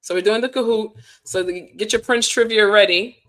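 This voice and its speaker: A woman's voice: medium pitch, brisk, a bit bright. A woman co-hosting a casual livestream, hyping up the audience and often repeating her words. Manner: hyping, encouraging, repeats herself. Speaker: co-host.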